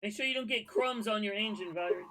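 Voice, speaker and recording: Bright high-voiced modeling host. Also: male voice, fast, slight background noise. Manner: relaxed, folksy, advice-giving. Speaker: livestream host of a scale modeling show. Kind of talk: casual livestream chat.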